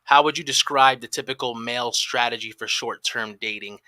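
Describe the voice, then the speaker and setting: A man co-hosting a live dating podcast, reading shout-outs and plugs in an upbeat promotional way. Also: medium pitch, fairly quick, no echo. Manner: promotional, upbeat announcer delivery. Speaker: podcast co-host.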